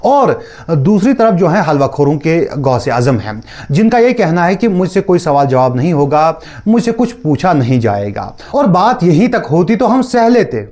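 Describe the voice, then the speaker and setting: On his video commentary channel, a man casually ridicules preacher clips, teasing and sarcastic as he goes. He has a fairly high, mellow, sing-song voice and speaks at a moderate pace with few pauses.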